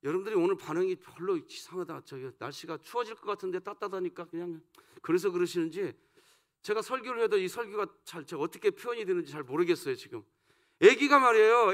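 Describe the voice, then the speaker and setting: Pastor, male, high voice; dawn sermon, loud stresses, then soft low asides. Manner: rhetorical questions put to the congregation. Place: church sanctuary.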